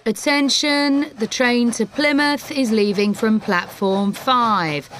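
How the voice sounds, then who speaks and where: A woman making a slow, measured train station loudspeaker announcement. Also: a little high, a little hiss or hum. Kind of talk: scripted public announcement for a listening exercise.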